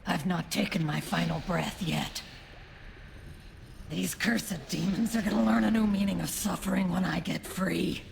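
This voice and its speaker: A woman voicing a bitter, vengeful captive warrior in a video game, gravelly, scornful and defiant. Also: on the low side, measured pace, a little hiss or hum. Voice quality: gravelly, creaky. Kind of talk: video game character acting.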